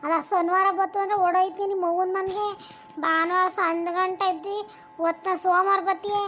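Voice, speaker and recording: A woman voicing a shrill, grumbling old grandmother. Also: little pitch movement, moderate pace, a bit bright, soft background music. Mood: scolding. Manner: nagging, self-pitying, scolding. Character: grumbling old village grandmother, bitter toward daughter-in-law. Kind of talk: cartoon voice acting.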